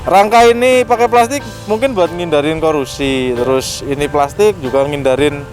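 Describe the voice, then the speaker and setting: Higher-pitched man explaining over music. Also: normal speed. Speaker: car audio expert giving tips. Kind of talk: casual explanatory chat. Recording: loud music under the talk.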